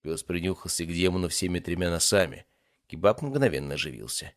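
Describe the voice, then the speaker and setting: A man narrating a fantasy story in a calm, even storytelling manner. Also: low voice, brisk, no echo, clean studio sound. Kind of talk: audiobook narration.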